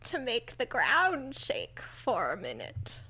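A woman playing a tabletop game, spelling out detailed, deliberate requests to the game master. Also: on the high side, wildly swooping pitch, pushed and bright, breathy edge. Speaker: player.

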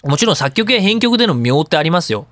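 Speaking fast in a sing-song way, a man with a slightly high, fairly bright voice chats through how sound editing works on his radio talk show. He's the host and an audio engineer, casual and opinionated, and the studio sound is clean with no echo.

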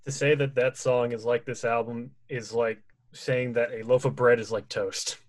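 A man's voice: mid-range voice, flat delivery, normal speed, no echo. A man co-hosting a casual album review, rambling and self-mocking with jokes. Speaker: co-host of a review show. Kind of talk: casual music review chat.

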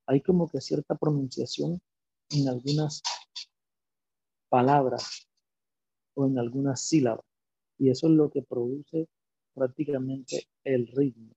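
A man teaching a lecture, speaking slowly and deliberately and asking himself rhetorical questions as he explains. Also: medium pitch, steady tone, gravelly, warm tone, husky, no echo. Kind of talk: lecture on biblical poetry. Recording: dull lo-fi recording.

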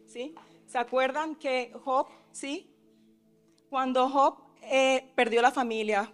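A woman preaching a sermon who keeps asking her listeners questions and acts out the cries in the story. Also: fairly high pitch. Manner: asks the listeners frequent questions, adds tag questions; acts out the disciples' cries with rising force.

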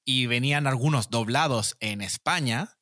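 Chatty co-host with a bright voice who explains things at length. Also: male voice, medium pitch, moderate pace. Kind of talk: casual chat.

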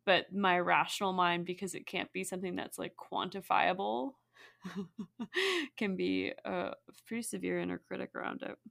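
A woman's voice: on the low side, moderate pace, gravelly, fairly bright tone. A woman guest in a casual podcast conversation, talking reflectively and loosely, with many fillers and frequent laughs.

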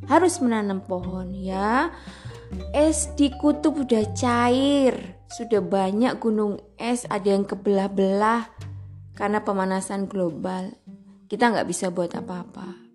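A woman's voice: medium pitch, a little mellow. A woman hosting a casual solo podcast, chatty and playful, laughing at her own jokes and acting out little scenes. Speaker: podcast host.

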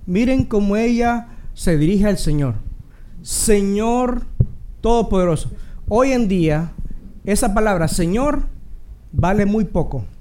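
Man preaching, Dominican accent, high voice, earnest and chatty sermon, dark mellow tone. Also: expressive, unhurried, slight background noise. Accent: Dominican Spanish. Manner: earnest, conversational preaching with bursts of humor. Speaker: pastor.

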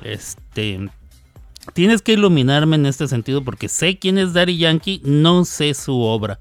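Male radio host, lively pitch, slow unhurried talk, faint music under him. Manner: chatty, teasing, wanders between loud and soft. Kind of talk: casual radio chat reading listener messages.

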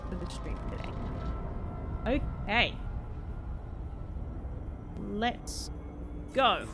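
A woman's voice: medium pitch, lively intonation, extremely slow. A woman casually chatting while live-streaming a game, laughing often and answering her chat. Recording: music playing behind the voice.

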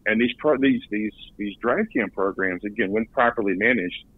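A man's voice: on the low side, moderate pace, breathy edge, no echo. A man, a guest on a podcast interview, talking in an earnest way and often repeating words as he restarts. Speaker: recruiting director guest. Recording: tinny phone line.

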